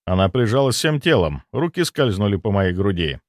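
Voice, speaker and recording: A man's voice: fairly low pitch, sing-song, normal speed, no room sound, studio quality. A young man narrating a first-person audiobook expressively and acting out the dialogue.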